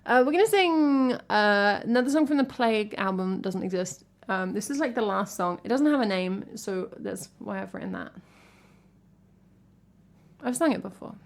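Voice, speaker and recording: With lively intonation and a mid-range voice at moderate pace, the English singer-songwriter jokes at her own expense while chatting with her stream audience between songs. She's at home, using wired headphones.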